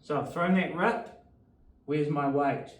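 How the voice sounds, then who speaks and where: A man coaching boxing, giving short instructional cues as he demonstrates punches with sharp exhales. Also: on the high side, measured pace. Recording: roomy echo, distant mic, faint noise.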